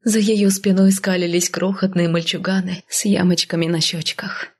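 A woman reading a first-person fantasy audiobook in a measured, even storytelling manner. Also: fairly low pitch, husky. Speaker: audiobook narrator.

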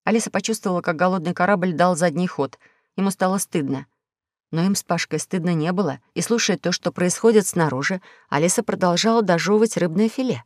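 A woman narrating a children's audiobook in a lively storytelling manner at a close studio mic. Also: fairly low pitch, fairly quick, no room sound. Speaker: audiobook reader. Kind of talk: scripted narration.

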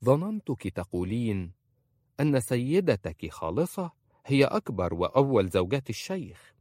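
A man voicing a polite, innocent young bride who speaks softly in a storybook reading. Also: medium pitch, sing-song, normal speed, dry recording, clean studio sound, pitched above the performer's own voice. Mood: gentle. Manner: soft, gentle pleading.

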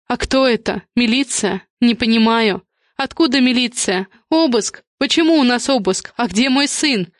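A woman's voice: sits high, a little slow, no echo, studio quality, pitched above the performer's own voice. A woman voicing a frantic middle-aged mother and manager, pleading and bewildered, near tears, in a raised voice.

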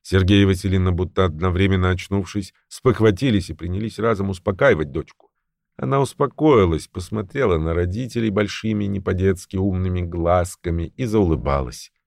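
A man narrating a dramatic audiobook in a measured, grave way. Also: sits low, vocal fry, a little mellow, no echo, studio quality.

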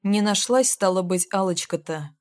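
A woman's voice: medium pitch, moderate pace, dry recording, lightly acted. A woman reading an audiobook, voicing an older male pensioner who grumbles indignantly. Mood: grumbling.

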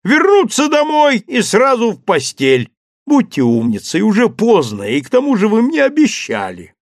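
A man's voice: sits high, huge pitch swings, normal speed, no room sound, pitched above the performer's own voice, heavily acted. Storybook part: man doing a worried, coaxing friend, close dry sound. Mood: pleading. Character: sensible worried male friend, pleading.

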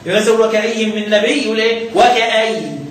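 A man's voice: high voice, rapid-fire. A man with an Egyptian Arabic accent teaching a recitation lesson, quizzing students and chanting verses. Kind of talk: classroom lesson on recitation rules. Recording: echoey room, heard from a distance, faint noise.

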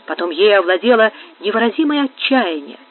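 A woman's voice: mid-range voice, lively intonation, brisk, no echo. A woman reading a period novel aloud as an audiobook, telling it dramatically. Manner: dramatic storytelling. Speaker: audiobook reader. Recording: tinny phone-like sound.

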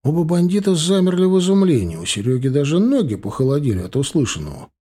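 A man narrating a first-person audiobook with a brisk, tough-guy delivery. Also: a little high, big pitch swings, dark tone.

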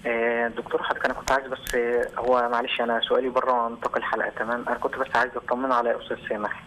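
A man's voice: medium pitch, level tone, racing, fairly bright tone, a little hiss or hum. A man calling in to a live show, speaking politely over a phone line. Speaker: caller.

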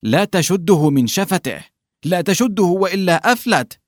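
A man's voice: high-pitched, sing-song, moderate pace, no room sound, clean studio sound, voice pushed up. A man doing a bossy, shivering young hunchback peasant. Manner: bossy, scolding, shivering with cold.

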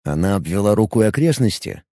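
A male narrator reading fantasy fiction aloud with expressive storytelling. His voice moves lively up and down and has a mellow, warm colour. The recording is close and dry. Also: fairly low pitch, fairly quick, dry recording. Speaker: audiobook narrator.

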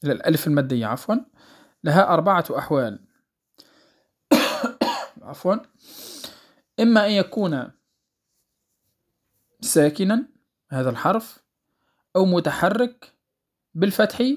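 Measured man teaching recitation rules. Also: high-pitched, very animated. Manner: measured and deliberate, with pauses and "uh" fillers; checks understanding with the listener, drawing out sounds to demonstrate. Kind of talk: spoken lesson on recitation rules.

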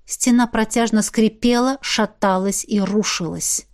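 A woman narrates a fantasy audiobook in first person, with an expressive, measured reading. Her voice sits a touch high and she keeps a steady storytelling flow.

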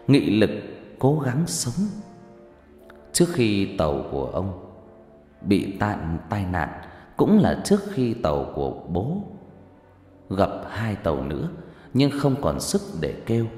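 A man narrating a dramatic first-person story. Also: on the low side. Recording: roomy reverberant room, soft music.

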